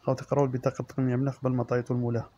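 Fast monotone Algerian man, muffled audio. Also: medium pitch. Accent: Algerian Arabic. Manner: monotone listing of specs and prices. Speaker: used-car price presenter. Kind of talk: reading out car listings.

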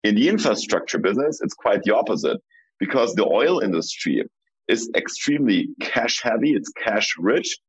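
A man who founded a startup, speaking on a panel in a measured way and thinking aloud with restarts. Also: lowish voice, expressive, slightly rough, dry recording, dull audio. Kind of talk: panel discussion.

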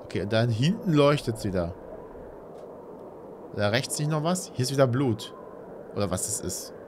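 A man's voice: mid-range voice, lively intonation, normal speed. A man in his thirties giving casual, musing game commentary, muttering to himself as a let's player. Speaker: let's player, gaming streamer. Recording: loud ambient game noise behind voice. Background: horror game ambience.

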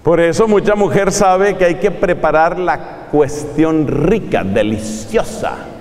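A man's voice: high-pitched, measured pace, a little mellow, slight background noise. A man preaching a sermon in a playful, teasing manner, drawing out emphatic phrases. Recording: echoey hall with long reverb.

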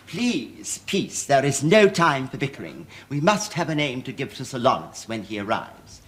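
A man's voice: medium pitch, sing-song, moderate pace, a bit bright. A middle-aged man playing a prissy, pompous man of letters with an upper-class English accent and fussily polite, flowery speech in a TV sketch. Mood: fussy, polite. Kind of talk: 1970s TV sketch comedy acting. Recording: old studio TV, faint noise.

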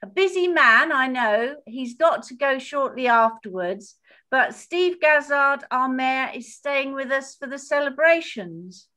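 A woman's voice: high-pitched, expressive, a little slow, pushed and bright. An older woman giving an informal welcome as host of a meeting. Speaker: host of a members' group meeting. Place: living room indoors. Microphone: webcam, video call.

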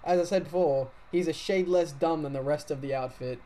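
A man voicing a gruff, curt older sea captain. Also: a little high, a little fast, dark tone, close to an everyday voice. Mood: grumpy.

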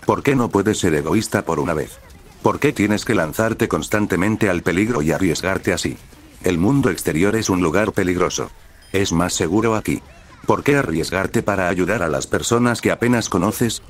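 A man voicing a distraught, anxious young woman in a story reading, delivered in a flat, even way. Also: low-pitched, normal speed, natural voice. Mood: furious.

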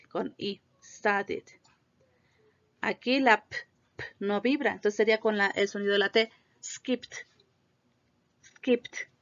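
A woman teaching an English grammar lesson, patiently repeating each word slowly for pronunciation. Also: medium pitch. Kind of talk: slow classroom lesson explaining grammar. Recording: dull lo-fi recording.

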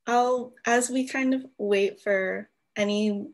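A woman's voice: medium pitch, fairly even intonation, slow. A young woman moderating a student workshop Q&A on a video call, upbeat and laughing easily. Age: young adult. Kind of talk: casual hosting on a video call.

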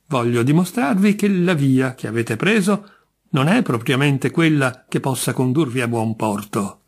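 A patient, wearily kind judge, as a male reader puts him on, coaxing and reasonable. The husky voice sits higher than plain talk and stays mild even when exasperated. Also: unhurried.

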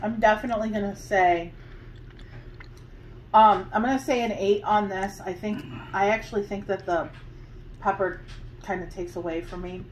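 A woman's voice: mid-range voice, steady tone, moderate pace, pauses often, slight background noise, low-quality recording. A woman casually chatting while tasting food, self-deprecating and talkative. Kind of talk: casual chat.

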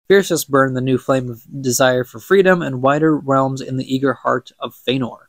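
A man's voice: medium pitch, steady tone, normal speed, no room sound. A young man with a stuffy nose, reading a book aloud for a podcast and chatting about it, stumbling over words and laughing at his slips. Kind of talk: casual book reading with commentary.

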